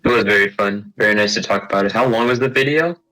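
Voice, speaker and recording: Deep-voiced tired young man, bright tone. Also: quick pace, soft background music, poor audio. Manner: hesitant, many fillers and restarts. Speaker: guest. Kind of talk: casual chat.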